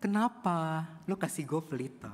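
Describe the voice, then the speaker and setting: A man's voice: a little high, expressive, normal speed, close to an everyday voice. A preacher acting out a proud, short-tempered blind man in a sermon story, brash and slangy. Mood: mocking. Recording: long church hall reverb.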